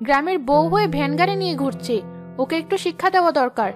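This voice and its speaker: A woman's voice: sits high, lively intonation, quick pace. A woman voicing a jealous, scheming village woman who bullies others with sneering threats, over background music. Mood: spiteful scheming.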